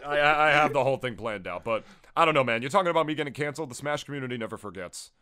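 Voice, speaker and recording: A man's voice: medium pitch, rapid-fire, clean tone, no room sound. A young man co-hosting a podcast, joking crudely and mocking himself in casual banter. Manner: lively, crude, self-mocking. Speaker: podcast co-host.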